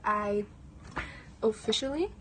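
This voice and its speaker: A woman's voice: mid-range voice, expressive, takes it slowly. A woman vlogging casually as she nervously narrates her own haircut, with lots of exclamations and swearing.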